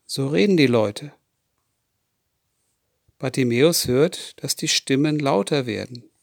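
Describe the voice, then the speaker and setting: A man tells a Bible story to children at an unhurried, deliberate pace. He keeps pausing to ask his young listeners questions. The recording is dry, with no room sound. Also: mid-range voice, expressive, vocal fry, no room sound.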